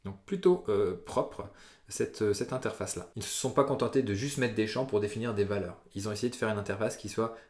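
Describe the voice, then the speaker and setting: A man hosting a casual software tutorial, chatty and upbeat with frequent filler sounds as he talks through his screen. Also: on the low side, fairly quick, reverberant. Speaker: WordPress tutorial host.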